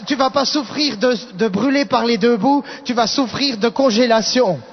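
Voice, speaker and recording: A man interprets a sermon phrase by phrase and matches the preacher's rising intensity. His voice sits very high. The sound is dull and lo-fi, with long reverb from a large hall. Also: moderate pace, slight background noise. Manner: follows the preacher's rising intensity, small restarts.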